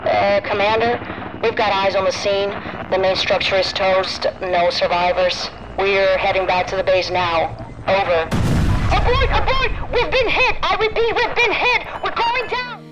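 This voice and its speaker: A woman voicing a soldier reporting over the radio, urgent and clipped, who ends up yelling. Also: medium pitch, fairly even intonation, unhurried, lo-fi sound, noisy background. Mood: panicked. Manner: urgent, clipped radio talk turning to panicked yells. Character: soldier on radio under fire.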